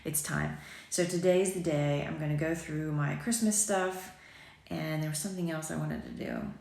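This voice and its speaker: With her phone at arm's length in a sunny kitchen, a woman in her forties who owns a boutique chats and rambles to viewers, dropping plenty of ums and teasing herself. Her low, darkish voice has a slight morning rasp and big pitch swings at a moderate pace. The room gives it a noticeable echo.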